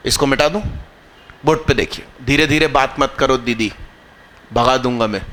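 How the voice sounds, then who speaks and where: A man teaching math live to a class, quizzing students, drilling terms slowly and scolding anyone not paying attention. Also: mid-range voice, a bit bright, slight background noise. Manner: scolding, teasing students mid-lesson.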